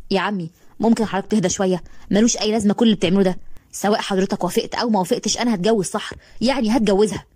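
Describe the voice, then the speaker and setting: A woman's voice: mid-range voice, rapid-fire, a little mellow, no echo, lightly acted. Woman voicing a tender, earnest young suitor. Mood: pleading. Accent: Egyptian Arabic. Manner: tender, pleading.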